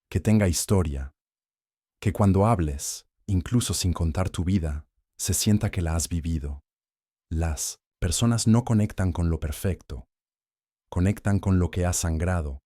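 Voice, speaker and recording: A man reading scripted motivational narration in a measured, solemn way, with dramatic pauses. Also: sits low, dark tone, no echo, clean studio sound.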